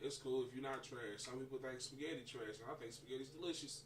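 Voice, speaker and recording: A man's voice: mid-range voice, fast, echoey room, recorded from a distance, slight background noise. A man co-hosting a heated casual chat about rap, brash and teasing. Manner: brash, teasing, repeatedly shouting insults. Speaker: podcast co-host.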